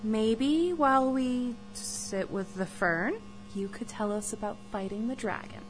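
An actress playing a patient, wry wife and mother who gently chides, in an audio drama. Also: a little high, a little slow, lightly acted. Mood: gentle, resigned. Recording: noisy, humming amateur recording.

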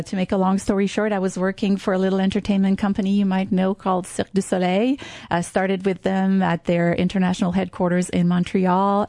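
In a conversational interview, a middle-aged Québécoise tourism marketer talks enthusiastically about tourism in English, her second language, with a French Canadian accent and many fillers. Her lowish voice is gravelly and a bit mellow, captured in studio quality with no echo.

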